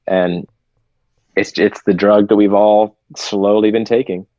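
A man from Seattle, USA, appears as a podcast guest and talks candidly and reflectively, occasionally swearing in casual conversation. His voice is lowish, mellow and level, with a slightly slow pace and no room sound. The remote audio is dull and lo-fi.

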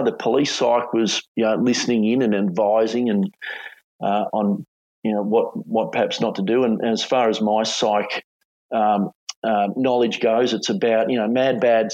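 A middle-aged man with an Australian accent, telling a story conversationally as an interview guest, in a casual, hesitant way with halting phrasing. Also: medium pitch, darkish tone. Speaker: former police hostage negotiator, interview guest. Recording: dull, echoey room recording.

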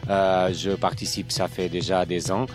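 A very low-pitched man in his thirties speaks with a Portuguese accent, his first language showing as he halts to find his words. Music plays clearly in the background throughout. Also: level tone. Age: 30s. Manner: halting, searching for words in a second language. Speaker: slackline instructor and competitor. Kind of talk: interview answers. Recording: music playing behind the voice.

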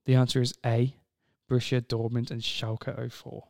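A man co-hosting a casual podcast, reading out quiz questions with jokes and playful pauses. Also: medium pitch, flat delivery, gravelly, mellow. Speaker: podcast co-host and quizmaster. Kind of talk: casual chat.

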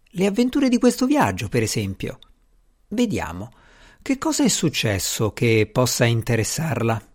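A man voicing an anxious young gentleman magician, fretful and exclamatory. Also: medium pitch, huge pitch swings, normal speed. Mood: musing.

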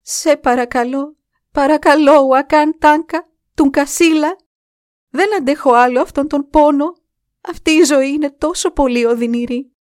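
Woman voicing a despairing woman pleading, high. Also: steady tone, a little mellow, no echo, studio quality, close to an everyday voice. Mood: anguished pleading. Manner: pleading, strained and raised.

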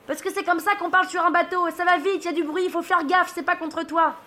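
A woman voicing her friend shouting advice from high on a sailing boat, high and bossy. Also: steady tone, quick pace. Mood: explaining.

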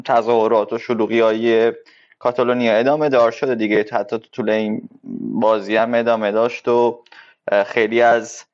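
A man co-hosting a football podcast, analysing casually and haltingly as he searches for words. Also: fairly low pitch. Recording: dull, lo-fi live audio.

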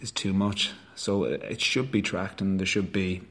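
Male, thirties, west of Ireland accent, deep and even-toned, colloquial and rambling interviewee. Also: moderate pace. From Galway, west of Ireland. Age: 30s. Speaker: rugby sports staff member, coach. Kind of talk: conversational interview answers.

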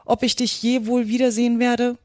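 A woman's voice: a little high, flat delivery, normal speed, no room sound, pitched above the performer's own voice, natural voice. An earnest, curious young girl, voiced by a woman narrator, eager and polite in tone. Her voice sits a little above the reader's own. The sound is dry and close.

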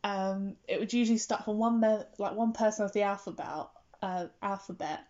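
A woman's voice: mid-range voice, steady tone, a little fast, darkish tone. Young woman, casual rambling chatter, slightly muffled recording. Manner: rambling, filler-heavy, restarts often. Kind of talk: casual chat.

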